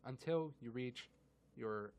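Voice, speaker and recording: A man co-hosting a casual radio chat, walking through physics with simple analogies. He laughs easily and keeps a friendly back-and-forth going. His voice sits at an average pitch. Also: takes it slowly, darkish tone. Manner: laughs often, explains with analogies. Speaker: co-host explaining physics.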